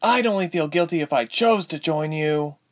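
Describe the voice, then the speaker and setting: A man's voice: fairly high pitch, moderate pace, pitched above the performer's own voice, natural voice. A man voicing a defiant young woman captive who sneers and spits her words.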